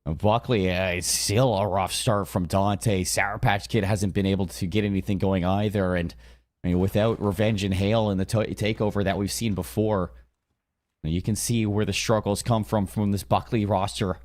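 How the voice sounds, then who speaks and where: A man's voice: on the low side, fairly even intonation, moderate pace, a little mellow. A man giving live esports commentary, following the play and analysing team tactics as he goes.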